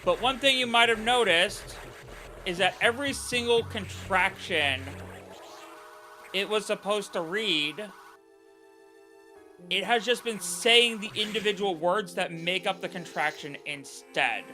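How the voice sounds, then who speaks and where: A man streaming a game and chatting casually in a rambling, halting way, over game music. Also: high voice, pushed and bright. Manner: rambling, halting, many fillers and restarts. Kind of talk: casual chat while playing a game.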